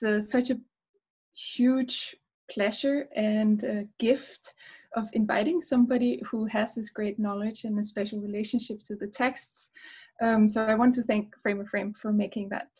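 Woman from Denmark, 30s, reading group host; narrow pitch, friendly and measured. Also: steady tone, a little mellow. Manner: friendly, measured, with frequent ums and self-corrections. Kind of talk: welcoming introduction on a video call. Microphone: laptop mic on a video call.

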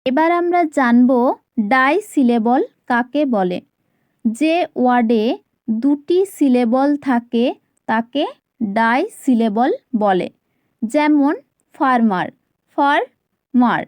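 Slow, high-voiced woman teaching grammar. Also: darkish tone, dry recording. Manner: careful, repeats example words slowly. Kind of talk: slow explanatory lesson.

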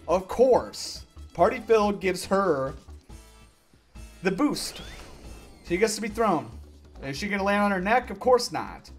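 A young man giving gameplay commentary, ranting and yelling at the game in frustration. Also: sits high. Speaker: gaming YouTuber.

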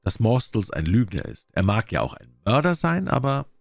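A thoughtful detective speaking in a measured, dry way, as a man reads him in a story. The voice sits low and shifts freely in pitch. It sounds close and dry. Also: wildly swooping pitch, gravelly, no echo, exaggerated voice. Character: calm, thoughtful Scotland Yard detective, male. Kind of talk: audiobook character voice.

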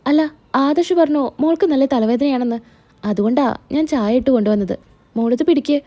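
A woman's voice: high voice, brisk, warm tone. A soothing middle-aged mother-in-law, read by a woman. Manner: soothing, reassuring.

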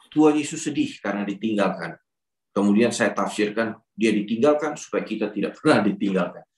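A man giving a conversational Bible teaching to a youth group, often asking rhetorical questions. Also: fairly low pitch. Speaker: youth ministry speaker. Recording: roomy echo.

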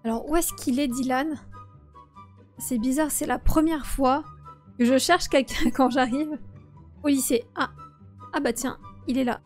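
A woman playing a teenage girl in a game role-play, chatty and expressive. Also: sits high, unhurried, pauses often, faint music behind. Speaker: YouTuber playing a teen girl.

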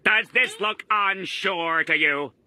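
A man's voice: high voice, takes it slowly, pushed and bright, no room sound, full character voice. A man playing a bossy male cartoon character who talks emphatically and gives commands. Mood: commanding.

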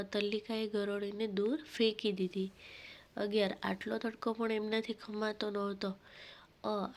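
A woman teacher with a Gujarati accent, reading worksheet questions and their answers in a steady, methodical way. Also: mid-range voice.

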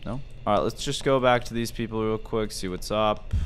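A man's voice: lowish voice, a little hiss or hum. A young man giving scared, jumpy horror game commentary as a streamer, exclaiming and muttering to himself. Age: young adult. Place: small indoor room.

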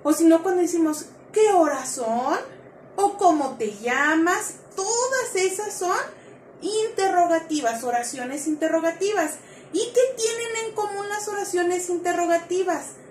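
A woman teacher giving a grammar lesson to children, lively and coaxing, pausing to ask the class questions. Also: extremely high pitch, echoey room, a little hiss or hum.

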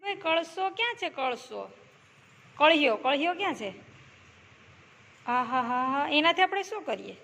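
A high-pitched woman leads a village preschool class. She coaxes the children with repeated questions and praises each answer. The recording carries plenty of classroom noise. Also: very animated, measured pace, gravelly, long pauses, a bit bright. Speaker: preschool teacher.

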